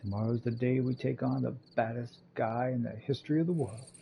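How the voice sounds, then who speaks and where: A man's voice: medium pitch, a little fast, gravelly, muffled recording, slight background noise, natural voice. A man voicing a brash, boastful young male warrior who bickers. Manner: cocky, bickering.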